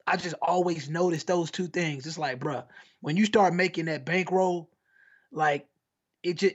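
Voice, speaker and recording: A man's voice: a little high, dull audio. An American man co-hosting a podcast, chatting casually in a rambling, slangy way with lots of restarts. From United States. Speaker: podcast co-host. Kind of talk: casual chat.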